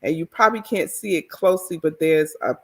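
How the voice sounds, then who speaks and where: A woman's voice: deep voice, brisk. A middle-aged woman from the Washington, D.C. area, an author and educator telling her story in an interview. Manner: expressive, animated storyteller.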